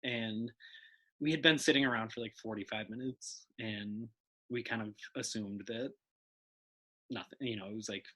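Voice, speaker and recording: A man's voice: fairly low pitch, steady tone, normal speed, pauses often, sharp tone, poor audio. A young man, a podcast guest, chatting casually and rambling with lots of fillers and laughs. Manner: rambling, filler-heavy, giggly. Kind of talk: casual chat.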